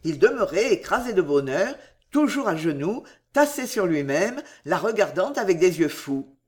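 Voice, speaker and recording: A man narrating a novel in an expressive, theatrical audiobook style. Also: sits high, normal speed.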